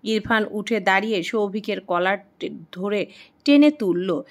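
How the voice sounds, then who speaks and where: A woman narrating a romance story in a calm, even reading voice, reading the characters' lines lightly. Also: medium pitch, unhurried.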